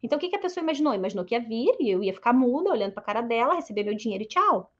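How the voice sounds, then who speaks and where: A woman psychologist giving a lively motivational talk to colleagues, telling stories and acting out her patients' lines. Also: on the high side, very fast, dull audio. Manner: storytelling, acts out patients' lines in a raised voice. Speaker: psychologist and course mentor.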